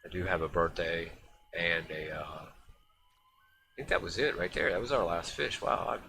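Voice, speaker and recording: A man's voice: deep voice, a little slow, vocal fry. A man streaming a fishing game, rambling and thinking aloud with lots of fillers as he chats to viewers. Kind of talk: casual live-stream gameplay commentary. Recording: steady background noise.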